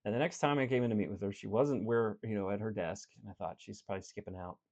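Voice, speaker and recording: A man's voice: fairly low pitch, fast talker. A man speaking as a life coach in an earnest, direct motivational talk, telling a story from his work. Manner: earnest, direct, swings between animated and quiet.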